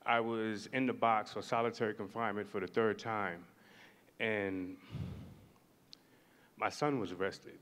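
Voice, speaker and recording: A man in his forties from New York telling his life story as a panel guest, measured and reflective with pauses. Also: lowish voice, fairly even intonation, a bit bright, clean tone. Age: 40s.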